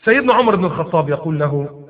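Animated Egyptian preacher, tinny audio. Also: male voice, fairly high pitch, racing. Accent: Egyptian Arabic. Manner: animated, bursts into loud emphatic retelling. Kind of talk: sermon storytelling.

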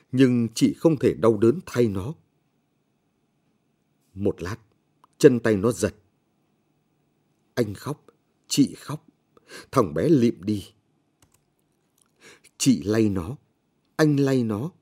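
Brief: male audiobook narrator, somber and measured, dark husky low voice. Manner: slow, measured, somber reading. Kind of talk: scripted story narration.

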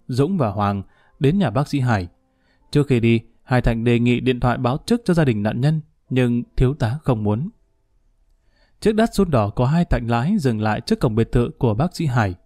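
A man narrating a crime story in a steady, measured storytelling voice. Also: mid-range voice, dry recording, clean studio sound.

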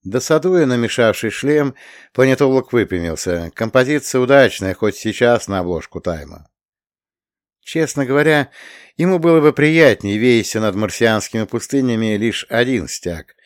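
A man narrating a science fiction story as an audiobook reader, in measured storytelling. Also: mid-range voice, animated, no echo, studio quality. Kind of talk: scripted narration.

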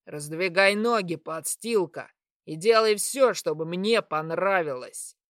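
A woman voicing a brutish male satyr who talks in a crude, mocking, threatening way, lower and louder than her own voice. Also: a little slow, no echo, studio quality, close to an everyday voice. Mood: taunting menace. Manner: crude, taunting, hissing.

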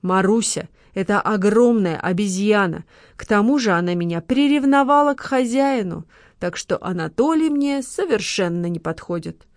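A woman reads an irritable young woman, displeased and quick to exclaim. Her pitch stays middling, and the sound is dry and close. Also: expressive, dry recording, close to an everyday voice. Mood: indignant.

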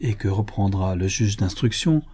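A man's voice: lowish voice, animated, normal speed, mellow, slightly rough. A man voicing a formal male deputy prosecutor in an audiobook, speaking in a stiff official way. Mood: stern.

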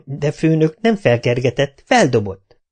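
Man putting on a squeaky high voice, whining hapless male watchman, storybook, nasal complaining tone. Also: sing-song, darkish tone. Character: whiny, dim-witted male night watchman.

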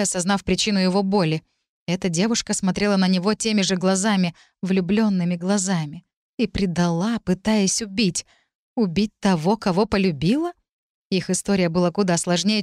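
A woman narrating a novel in the first person, in an even storytelling manner. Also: lowish voice, brisk, dry recording, studio quality. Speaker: audiobook narrator.

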